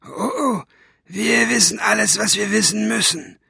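A man voicing a sneering male henchman with a rough, raspy voice. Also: high-pitched, a little slow, sharp tone, dry recording, clean studio sound, pitched above the performer's own voice, full character voice. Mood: menacing. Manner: mocking, taunting.

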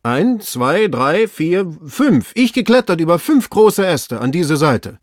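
A man reading aloud, voicing a fearful male servant calling down from high in a tree in broken, drawn-out speech. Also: big pitch swings, no echo, studio quality, full character voice. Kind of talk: audiobook reading.

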